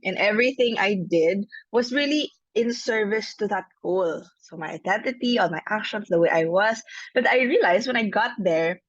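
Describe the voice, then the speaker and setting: A woman's voice: medium pitch, dry recording, dull audio. A woman in her twenties with a Filipino accent, telling her personal story as a podcast guest. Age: 20s. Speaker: podcast guest, life coach.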